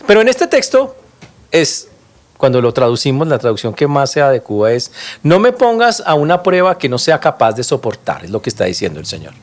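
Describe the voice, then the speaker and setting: Male pastor, lively swooping delivery, emphatic sermon, talks straight to the congregation. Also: medium pitch, brisk. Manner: animated, emphatic preaching with sound-effect interjections; addresses congregation directly with questions.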